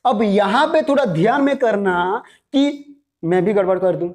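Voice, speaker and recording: A man's voice: high voice, expressive, moderate pace. A man teaching a commerce math lesson, chatty and coaxing, often checking whether the students have followed along. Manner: chatty, repeats "theek hai", coaxes viewers to answer aloud.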